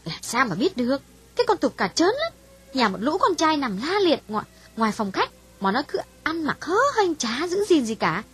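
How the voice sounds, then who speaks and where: A woman voicing a gossipy, blunt young woman in an audiobook, asking prying questions in a husky voice. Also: high-pitched, big pitch swings, moderate pace, soft background music. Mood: indignant. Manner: scolding, nosy questions. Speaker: audiobook voice actress.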